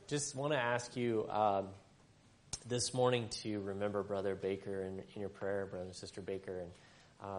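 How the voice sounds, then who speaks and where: Guy preaching with a stuffed up nose, low-ish voice, rambling church prayer. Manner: rambling prayer with repeated "Lord" and "Father". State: congested, stuffed up. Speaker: church minister. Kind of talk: church service, scripture reading and prayer.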